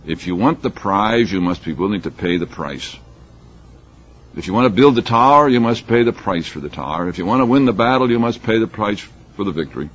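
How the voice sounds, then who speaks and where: A man's voice: lowish voice, expressive, a little fast, husky. A man giving a sermon, explaining scripture and reading passages aloud with rising emphasis. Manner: emphatic, reads scripture aloud with rising force, fillers and restarts. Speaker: preacher. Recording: dull lo-fi recording.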